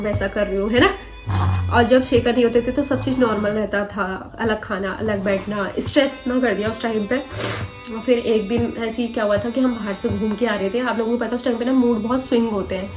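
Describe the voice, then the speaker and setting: Young woman vlogger, higher voice, earnest, rambling personal storytelling. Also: darkish tone.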